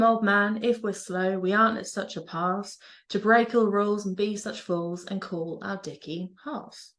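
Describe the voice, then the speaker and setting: A woman from Norfolk reciting dialect verse in a broad Norfolk accent. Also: mid-range voice. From Norfolk, East Anglia, England. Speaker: university lecturer.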